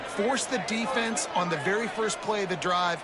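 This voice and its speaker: A man's voice: sits high, normal speed, over a noisy crowd, very noisy. An American man giving emphatic, punchy football analysis as a color commentator.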